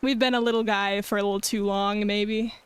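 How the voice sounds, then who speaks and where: A woman's voice: medium pitch, fairly even intonation, fairly quick, smooth, dry recording. A woman streamer chatting casually with her live viewers in a cute, bubbly anime-streamer manner. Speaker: streamer and artist hosting a cozy art stream. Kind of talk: casual livestream chat.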